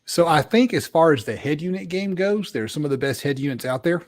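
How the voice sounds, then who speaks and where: A man's voice: fairly high pitch, expressive, fairly quick. A middle-aged man co-hosting over a video call, talking in an easygoing, chatty way with some stumbling restarts. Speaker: co-host. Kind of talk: casual chat about audio gear.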